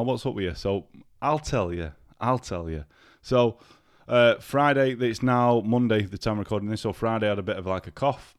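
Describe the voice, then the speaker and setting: A man hosts a casual solo podcast in a fairly low, clean-toned voice, recorded dry at studio quality. He's chatty, swears freely and speaks straight to listeners, though he sounds ill and congested.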